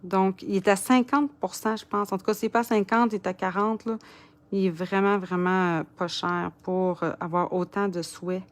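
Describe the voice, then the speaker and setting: A woman's voice: medium pitch, steady tone, moderate pace. A woman with a Quebec French accent giving a casual crafting tutorial, chatting and muttering to herself as she works. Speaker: papercraft demonstrator.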